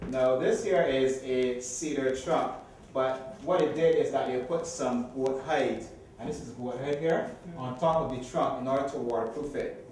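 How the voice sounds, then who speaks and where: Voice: mid-range voice, normal speed, darkish tone. A tour guide in a historic house, explaining the exhibits in an informal guided-tour talk. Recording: very echoey room, distant, faint noise.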